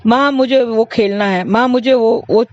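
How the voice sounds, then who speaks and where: A woman's voice: fairly high pitch, unhurried, a little mellow, no room sound, lo-fi sound, lightly acted. A woman doing a stubborn little boy. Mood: whining. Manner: pleading, repetitive demands. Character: small boy, stubborn and whining for his mother.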